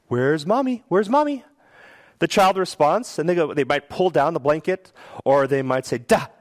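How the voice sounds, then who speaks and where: Animated man giving a lively talk. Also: no echo. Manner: animated, acts out parents and kids in sudden high voices; explains step by step, often checks in with "okay?". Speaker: speaker giving a research talk. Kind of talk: public talk to an audience.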